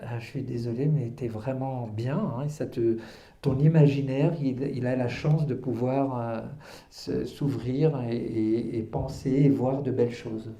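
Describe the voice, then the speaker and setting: A man in his fifties answers questions at a public book presentation, hesitating often and restarting his phrases before pressing his point with conviction. His voice is very dark and mellow, and it rings through a roomy hall. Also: medium pitch, steady tone, measured pace. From Algeria, raised in Paris. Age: 50s. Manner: hesitant, many fillers and restarts, earnest. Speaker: author and guest. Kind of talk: public book talk interview. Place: cultural centre hall.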